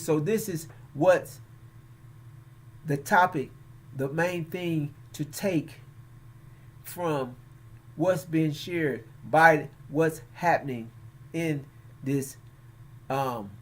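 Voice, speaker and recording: A man hosting religious and political commentary, speaking in a halting, emphatic way with frequent pauses. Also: on the high side. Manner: slow, halting, emphatic delivery. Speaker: host.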